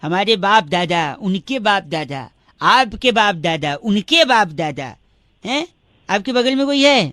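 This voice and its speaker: A man voicing a cheeky, high-voiced prankster on a radio prank call, silly, pun-loving and mock-polite. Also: expressive, unhurried, bright, forceful tone, no echo, heavily acted. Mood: mischievous.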